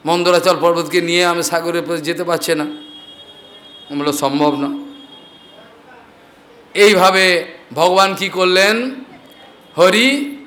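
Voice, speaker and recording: A male preacher telling devotional scripture stories in an animated way, chanting verses slowly. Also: high voice.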